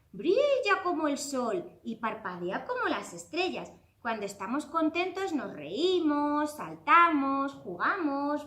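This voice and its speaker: Animated woman telling a children's story. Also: high voice, roomy sound. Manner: expressive, exclaiming, addressing children directly.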